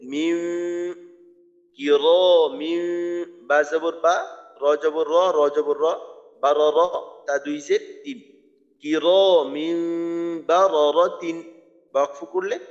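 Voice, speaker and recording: A man teaching Quran recitation rules, spelling out letters and vowel marks slowly and deliberately. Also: on the high side, steady tone. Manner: slow, deliberate, drawn-out spelling of sounds. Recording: dull lo-fi sound with long reverb.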